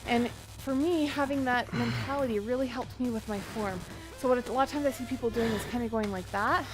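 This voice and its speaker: High-pitched female aerobics instructor over music. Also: a little fast, poor audio. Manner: encouraging, motivational. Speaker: fitness instructor. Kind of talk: aerobics instructor coaching a workout, counting down. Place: outdoor covered wooden deck by a pond. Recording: music behind the voice. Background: workout music.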